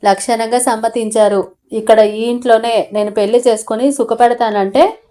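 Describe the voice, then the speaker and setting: A woman's voice: fairly high pitch, fairly even intonation, moderate pace, dark tone, close to an everyday voice. A woman voicing a stubborn, hot-headed young man who insists on marrying, in a storybook audio novel. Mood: insistent. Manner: insistent, sulky.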